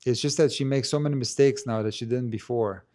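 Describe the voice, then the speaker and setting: On his tennis channel's live stream, a man with a low, gentle, not especially strong voice answers viewer questions at a brisk pace while talking to camera indoors. The chat is loose and hedging, with many restarts and fillers such as "like" and "you know," and the close handheld mic makes his voice near and clear.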